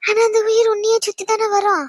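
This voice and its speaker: This is a frail elderly mother near death in an animated drama, with a woman doing the voice. The voice sits very high and thin, soft and weak, and keeps running out of breath. It is recorded dry and close. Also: brisk, no echo. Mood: tender, pleading. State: short of breath.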